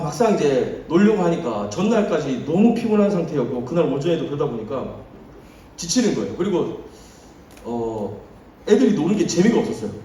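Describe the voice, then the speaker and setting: A man in his thirties preaches to a youth group, his voice ranging widely from hushed asides to loud emphasis. His tone is mellow and dark, and the sound comes from off-mic in an echoey church hall. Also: a little high, distant mic, slight background noise. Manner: storytelling with acted quotes, swinging from soft to loud. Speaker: youth pastor. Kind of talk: sermon.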